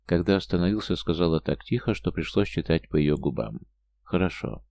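A man narrating an audiobook in a measured, somber storytelling manner. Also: low voice, lively intonation, gravelly, darkish tone, dry recording.

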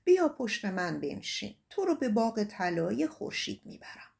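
A woman reading an audiobook voices a compassionate male lion, who asks gently and plainly. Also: mid-range voice, sing-song, gravelly. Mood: kindly.

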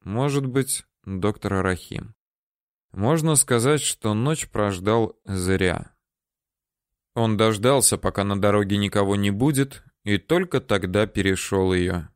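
A man's voice: fairly low pitch, takes it slowly, clean tone, dry recording, studio quality. A man narrating a story as an audiobook reader, telling it expressively. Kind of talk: scripted narration.

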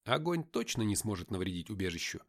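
A man's voice: fairly low pitch, big pitch swings, quick pace, fairly bright tone. A man reading a first-person audiobook narration expressively.

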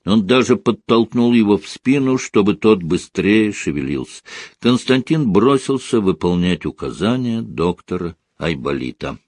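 Man, audiobook narration, measured, low-pitched, dry sound. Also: lively intonation, a little mellow, dry recording. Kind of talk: scripted narration.

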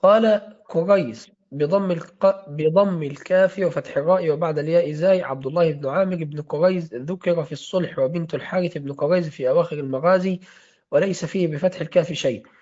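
A man's voice: a little high, a little fast, darkish tone. A man reading a classical hadith-studies text aloud in a lesson, steadily spelling out names and their vowels. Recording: dull lo-fi recording.

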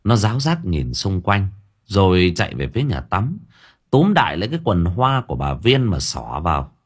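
A man narrating a comic supernatural audiobook in a lively, colloquial way. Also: low voice, moderate pace, slightly rough. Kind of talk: storytelling narration.

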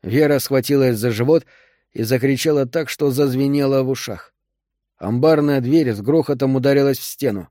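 A man narrating a novel in a measured, steady storytelling voice. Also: medium pitch, no echo, clean studio sound. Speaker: audiobook narrator. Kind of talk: scripted narration.

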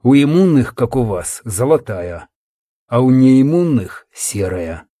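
Guy doing a tired old healer, slow low murmur, dry close sound. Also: sing-song, warm tone, no echo. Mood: weary. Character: weary older male healer, calm and grave.

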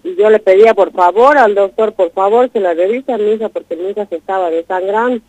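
As a radio guest, a woman urgently retells a distressing personal story in a rush, repeating herself as she goes. Her mid-range voice is a little mellow and fairly quick, with no echo, on a dull lo-fi broadcast.

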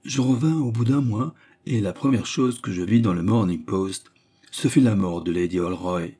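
A man narrating a literary short story as an audiobook reader, in a measured storytelling delivery. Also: on the low side, dark tone.

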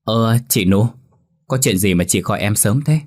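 A man's voice: fairly low pitch, normal speed, lightly acted. A man voicing an anxious village mother who frets and scolds, in a spoken ghost story. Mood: worried. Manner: scolding, fretful. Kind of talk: horror story reading.

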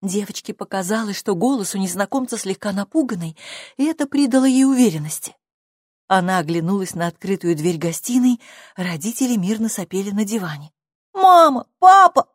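A woman's voice: medium pitch, expressive, a little fast, warm tone, husky, no echo, clean studio sound. Woman reading a storybook aloud. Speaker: narrator. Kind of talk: scripted storybook narration.

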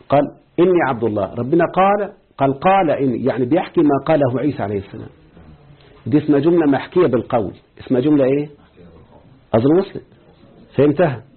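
A man with an Egyptian Arabic accent teaches a classroom grammar lesson in a husky, mid-pitched voice. He explains step by step, stops to quiz his students, and slows down to quote examples. The recording is thin and tinny, as if heard over a phone line.

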